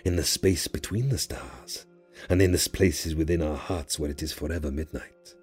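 A man's voice: rumbling low, a little mellow, breathy edge, soft background music. A man voicing an ancient male jinn who speaks in grand, cryptic, teasing pronouncements in an audio drama. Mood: grave. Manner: theatrical, teasing, drawn-out pronouncements.

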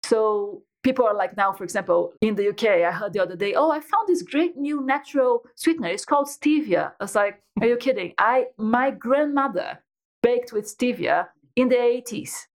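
She's a Brazilian entrepreneur chatting casually as an interview guest, her slightly high voice moving at normal speed. Her storytelling is peppered with false starts and filler words.

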